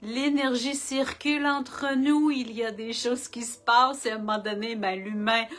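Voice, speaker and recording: A woman with a Québécois accent, a spiritual medium chatting gently with viewers on a live stream and greeting them by name. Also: on the high side, fairly even intonation, moderate pace. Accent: Québécois French. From Québec.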